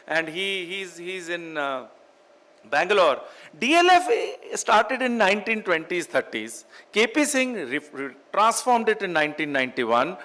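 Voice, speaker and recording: With a high-pitched, slightly bright voice, a middle-aged North Indian-accented man from Chandigarh, India, delivers a motivational business keynote. The real estate executive is emphatic, echoing phrases in parallel structures for effect and mixing English with Hindi.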